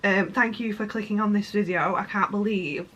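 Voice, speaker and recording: A woman's voice: mid-range voice, steady tone, normal speed, fairly bright tone, a little hiss or hum. A young British woman, heavily pregnant and out of breath, chatting casually and self-deprecatingly to her vlog viewers. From United Kingdom. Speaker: vlogger. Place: indoors at home, sitting on the floor.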